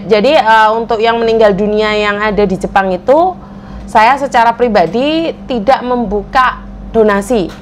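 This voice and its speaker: A woman's voice: fairly high pitch, slight background noise. A woman hosting a live stream, talking to viewers and pressing commenters with repeated demands. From Indonesia. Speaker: livestream host.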